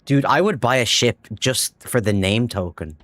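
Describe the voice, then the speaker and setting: An Irish man chatting casually while livestreaming a game, excitable and swearing freely as he talks to his chat. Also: medium pitch, normal speed, dry recording. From Ireland. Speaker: livestream gamer. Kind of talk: casual live gameplay chat.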